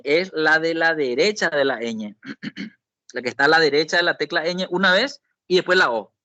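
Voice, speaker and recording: A man's voice: on the high side, bright, forceful tone, no room sound. A man teaching an online spreadsheet class, explaining step by step and often checking in with the students. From Paraguay. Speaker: Excel instructor. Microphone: video call.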